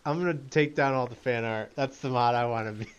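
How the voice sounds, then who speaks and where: A man's voice: mid-range voice, quick pace, muffled recording, very noisy. A young man streaming and chatting casually with friends over voice chat, joking and playfully indignant.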